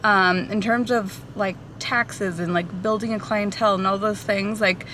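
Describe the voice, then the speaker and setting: In a mid-range, steady voice that's pushed and bright, a woman in her thirties from Portugal speaks unhurriedly in a casual Q&A vlog. She's a hairstylist, chatty and peppering her talk with ums and likes and light laughter. Recorded on a camera mic at a café or in a car, with slight background noise.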